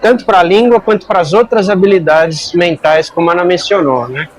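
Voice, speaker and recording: A man's voice: sits high, normal speed, some chatter behind. A man who is a neuroscientist guest, explaining emphatically in conversation.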